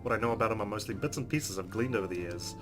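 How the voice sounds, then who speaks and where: Over game music, a man hosts a let's play, reading the game's narration expressively and tossing in casual, playful asides. His voice is on the low side and he talks at a racing pace.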